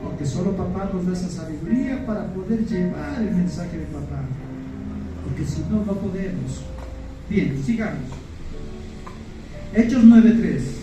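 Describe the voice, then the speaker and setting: A man's voice: high voice, animated, unhurried, long pauses, noisy background. A man preaching a sermon to his congregation, earnest and often asking them questions. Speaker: pastor. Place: church. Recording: echoey church hall, mic far off, faint music.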